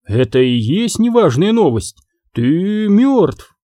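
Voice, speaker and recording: Fussy male ghost medium voiced by a man, storybook, high and lively, mellow tone. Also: slow, no echo, studio quality, exaggerated voice.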